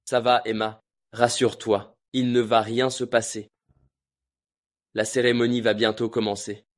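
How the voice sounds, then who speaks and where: A man's voice: mid-range voice, flat delivery, unhurried, lightly acted. An actor dubbing a smug, two-faced young businessman in a drama, sounding self-assured and soothing. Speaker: dub actor. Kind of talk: dubbed drama.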